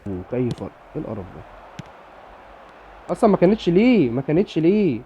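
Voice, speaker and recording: A man with an Egyptian Arabic accent giving excitable live commentary on his own football video game match, cheering and groaning at the play. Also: a little high, fairly quick, slightly rough, dull audio. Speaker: gamer.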